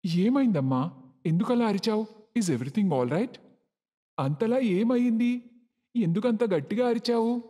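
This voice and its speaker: A woman voicing a calm, easygoing man, the husband and son in the story. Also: measured pace, pauses often. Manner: low, mellow put-on male voice. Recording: distant with long reverb and music.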